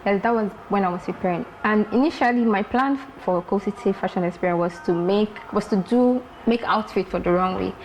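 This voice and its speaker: Lively Nigerian-raised woman designer. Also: medium pitch, fairly quick, hardly any pauses, slight background noise, poor audio. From Lagos, Nigeria. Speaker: fashion designer, guest. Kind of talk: casual interview talk.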